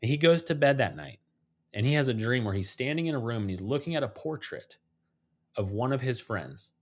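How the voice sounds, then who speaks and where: A man telling supernatural stories in a podcast conversation, animated and acting out the voices of the people in them. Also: mid-range voice, brisk. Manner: animated storyteller, acts out quoted voices. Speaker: guest.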